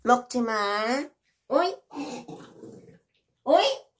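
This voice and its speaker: A woman's voice: on the high side, sing-song, drawn-out words. A woman talking to her pet, scolding it and repeating short, simple commands. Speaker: pet owner vlogger. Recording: roomy, from a distance.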